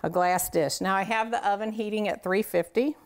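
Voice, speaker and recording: A middle-aged woman with a mid-range voice talks a little fast while hosting a casual cooking demonstration. Indoors in a home kitchen, she addresses viewers directly, chatty, folksy and enthusiastic.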